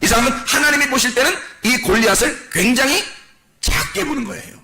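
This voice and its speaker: Animated high-voiced male preacher. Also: a little fast, creaky, a crowd in the background. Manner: animated preaching, rhetorical questions to the congregation. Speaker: pastor. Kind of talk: sermon.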